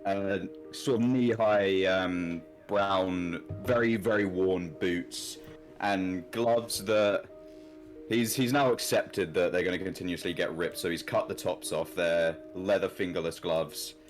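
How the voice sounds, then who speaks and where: Slow, low-voiced man describing his character. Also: fairly even intonation, soft background music. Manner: unhurried, hesitant. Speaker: player.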